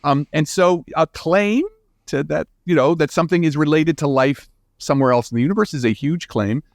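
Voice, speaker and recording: With a fairly high voice, a man appears as an expert podcast guest, a scientist and book author explaining informally and emphatically. He restarts haltingly and keeps checking in with "you know" and "right?". It's studio-quality audio without room sound.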